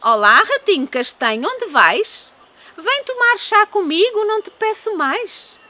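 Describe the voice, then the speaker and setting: A woman's voice: extremely high pitch, sing-song, a little slow, pushed and bright, pitched above the performer's own voice, heavily acted. A woman with a European Portuguese accent voicing a foolish, inviting, timid female owl in a storybook, with a coaxing, exaggerated manner. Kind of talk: storybook character voice.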